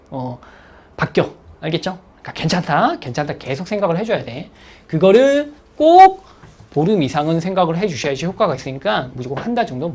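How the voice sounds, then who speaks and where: Man, exam prep lecturer, husky, lively pitch, conversational lecture. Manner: animated, checks in with listeners, acts out students' thoughts.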